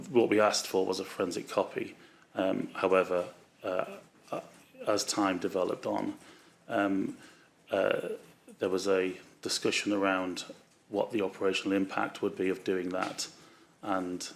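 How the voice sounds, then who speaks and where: A man testifying as a witness at a public inquiry, his voice worn from flu, halting with many fillers and restarts. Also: low-pitched, gravelly. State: voice going from flu. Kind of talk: formal testimony.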